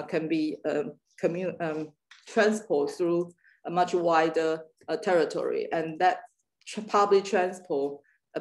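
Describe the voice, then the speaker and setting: Woman guest lecturer from Taiwan, low voice, halting delivery full of ums and restarts, video-call audio. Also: darkish tone. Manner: hesitant, many fillers and restarts. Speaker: guest lecturer in urban planning.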